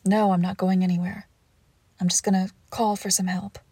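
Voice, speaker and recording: A woman playing a breathy, protective girlfriend. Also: mid-range voice, level tone, moderate pace, no echo, lightly acted. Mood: soothing. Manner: protective, coaxing, often hushed to a whisper. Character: devoted young girlfriend nursing a sick partner. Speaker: audio roleplay performer. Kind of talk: audio roleplay addressed to the listener.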